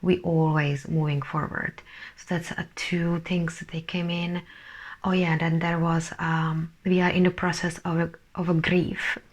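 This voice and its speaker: Halting and hunting for words, a channeller offers a casual spiritual energy update in a lowish voice with flat delivery. She frequently drops into a soft whisper.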